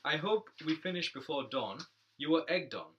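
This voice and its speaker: A man's voice: on the high side, expressive, moderate pace, a bit bright, lo-fi sound, slight background noise. A man reciting rhyming comic verse in a playful, sing-song way.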